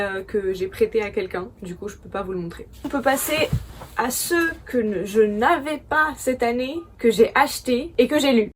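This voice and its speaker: A woman's voice: on the high side, darkish tone, a little hiss or hum. A young woman from France casually chatting as a book vlogger, chatty and self-mocking, often laughing at herself. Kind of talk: casual chat.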